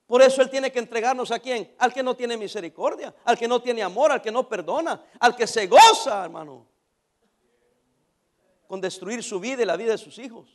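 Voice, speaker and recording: A man's voice: very high voice, normal speed. A male pastor preaching an emphatic sermon, asking the congregation questions and dropping in English phrases.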